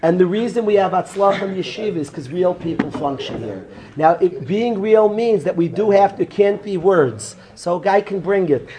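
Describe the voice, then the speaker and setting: A rabbi teaching an informal yeshiva Torah class speaks in a high-pitched voice at a moderate pace with few pauses. He's animated, joking with students and addressing them directly by name.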